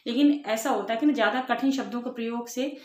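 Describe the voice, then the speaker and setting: A woman's voice: fairly high pitch, quick pace. A woman teacher giving an exam-prep lecture, explaining in simple words, asking rhetorical questions and checking in with "ठीक है". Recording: echoey room.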